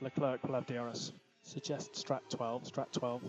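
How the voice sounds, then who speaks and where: A race engineer speaks over a muffled team radio channel, giving a driver terse, matter-of-fact instructions. His voice sits at a medium pitch with a flat delivery and a normal speed, carrying the sound of a team radio transmission.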